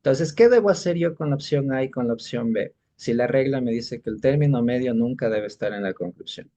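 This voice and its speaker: This exam-prep lesson comes from a male teacher whose mid-range voice is warm and fairly quick. He walks through the material patiently, regularly stopping with quick questions to confirm everyone is following.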